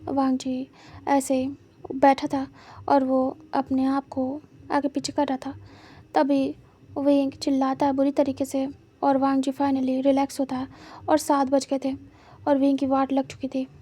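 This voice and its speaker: A woman tells a fan fiction story in a high, mellow voice, moving through the scenes at a steady, even clip. Her pitch stays narrow and level, and she slips English words into her narration. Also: a little slow. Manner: plain, steady retelling mixed with English words.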